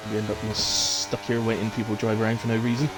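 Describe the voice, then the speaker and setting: A man's voice: fairly low pitch, little pitch movement, fast talker, noisy background. A man giving chatty, teasing live commentary on an online race. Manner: teasing, chatty, laughs often. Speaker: sim racing commentator.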